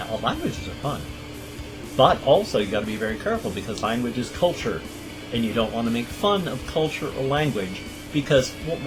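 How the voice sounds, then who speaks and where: A middle-aged man hosting his own channel chats casually to camera, rambling and self-deprecating, with guitar music in the background. His voice is mid-range and the audio is poor.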